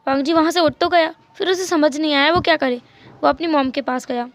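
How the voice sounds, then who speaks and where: A woman narrating a fan story in a lively retelling with English words mixed in. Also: sits high, a little fast.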